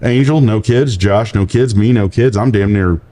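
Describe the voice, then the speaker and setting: A man's voice: fairly low pitch, moderate pace, dark tone. A man in his forties, a podcast co-host, telling rambling stories in casual chat and laughing often. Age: 40s.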